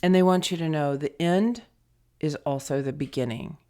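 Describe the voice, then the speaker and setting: A woman giving an intuitive tarot reading in a soft, meditative way, often sinking to a hushed near-whisper and pausing with fillers as she searches for words. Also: low voice. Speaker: tarot reader.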